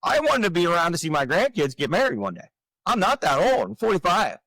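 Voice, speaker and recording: A man in his forties, a real estate coach talking on a podcast, explaining his framework with energetic rhetorical questions. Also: high voice, brisk, dry recording, low-quality recording. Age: 40s. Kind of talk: casual podcast talk.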